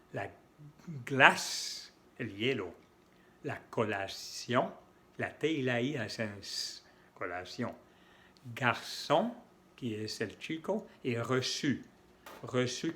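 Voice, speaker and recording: A man gives a slow, patient pronunciation lesson, modeling each sound and repeating words so learners can follow. His voice sits at an ordinary middle pitch, and his pace is unhurried and careful. Spanish is not his first language. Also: pushed and bright. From French-speaking. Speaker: French pronunciation teacher. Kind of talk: slow explanatory lesson with examples.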